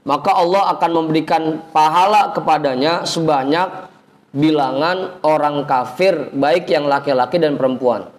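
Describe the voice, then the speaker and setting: A man teaching an informal religious lesson, chanting Arabic phrases slowly, then explaining in a chatty, teasing way. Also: a little high. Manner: chatty, teasing the audience, colloquial asides. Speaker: ustadz teaching a religious study circle.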